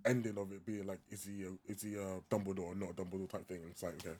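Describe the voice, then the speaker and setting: A man's voice: low voice, little pitch movement, rapid-fire, a little mellow, slight background noise. A man on a podcast panel, talking in an informal, conversational way. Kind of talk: casual chat.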